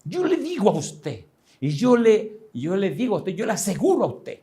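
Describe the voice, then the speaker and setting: A man's voice: high-pitched, huge pitch swings, normal speed, warm tone, voice pushed up, heavily acted. A man putting on a trembling, frantic rich old man. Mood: frantic, insistent. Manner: urgent, insistent repetition.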